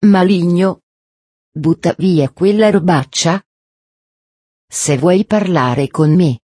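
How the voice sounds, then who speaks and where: A woman's voice: on the low side, takes it slowly, warm tone, slightly rough, no room sound, clean studio sound. A woman reading an audiobook, giving the devil's lines as a scornful, menacing male spirit.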